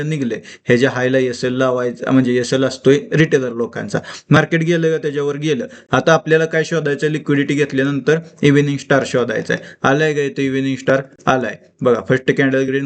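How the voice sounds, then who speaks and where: A man teaching a live trading session, asking quick questions and answering them himself. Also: medium pitch.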